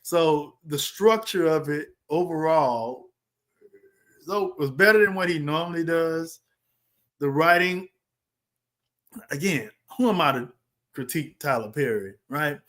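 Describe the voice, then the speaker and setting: Brief: male stream host, slightly higher voice, excitable and exasperated, restarts often, on a webcam mic. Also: unhurried, pauses often. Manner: animated, exasperated, talks in bursts with restarts. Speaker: livestream host reviewing a film. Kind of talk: casual live reaction commentary.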